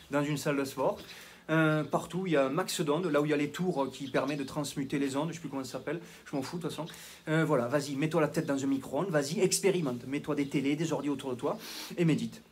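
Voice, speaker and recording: A man's voice: a little high, a little hiss or hum. A man with a southwestern French accent, a health coach talking to camera in a rambling, self-mocking, digressive way. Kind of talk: casual talking-head monologue.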